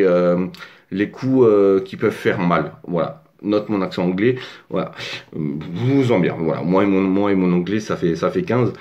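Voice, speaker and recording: A man's voice: low voice, darkish tone, muffled recording. A man from France casually breaking down a fight on his own at home, rambling with lots of fillers and restarts. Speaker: MMA fight commentator. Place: home desk.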